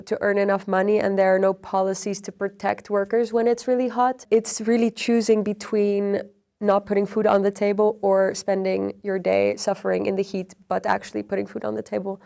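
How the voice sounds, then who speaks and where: A young adult woman, a PhD researcher, explaining in measured interview answers with frequent ums and uhs. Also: medium pitch, creaky. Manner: measured, even, with frequent fillers. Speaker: PhD researcher on extreme heat.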